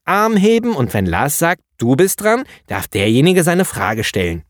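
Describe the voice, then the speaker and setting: A man's voice: fairly high pitch, huge pitch swings, a little slow, dry recording, clean studio sound, voice pushed up. A man voicing a cheerful female kindergarten teacher who coaxes the children in a sing-song, raised voice. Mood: coaxing.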